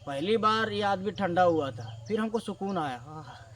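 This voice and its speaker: A man telling a comic story in a casual, animated way, swinging between loud and hushed. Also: high-pitched, unhurried. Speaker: storyteller, channel host. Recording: distant mic with faint background noise.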